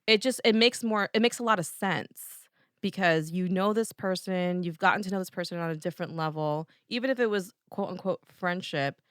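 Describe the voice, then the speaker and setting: A woman's voice: on the low side, brisk, fairly bright tone, smooth, dry recording, clean studio sound. A woman from New Jersey with an East Coast American accent, co-hosting a casual podcast chat and often restarting her sentences. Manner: chatty, restarts often, laughs easily. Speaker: podcast co-host.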